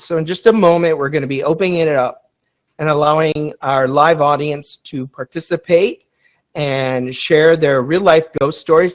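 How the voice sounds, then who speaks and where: A man hosting a casual live podcast, enthusiastic and rambling with many ums and uhs. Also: on the high side. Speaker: podcast host.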